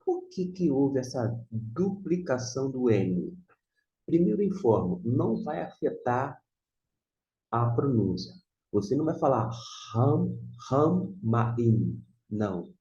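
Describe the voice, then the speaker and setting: A man's voice: mid-range voice, very animated, a little slow, dark tone, echoey room, muffled recording. A man teaching a Biblical Hebrew lesson, patiently explaining and spelling out sounds.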